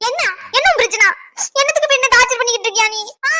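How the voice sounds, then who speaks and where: A squeaky-high, sharp-toned cartoon cousin, played by a woman, rattling off sulky denials and coy demands at a quick clip while she fakes her tears. She is a married woman who plays wounded and innocent. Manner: fake-crying, sulky, coy. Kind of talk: cartoon skit dialogue.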